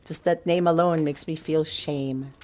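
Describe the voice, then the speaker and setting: A woman's voice: sits low, steady tone, measured pace, darkish tone, slight background noise. A woman game streamer chatting casually on a livestream.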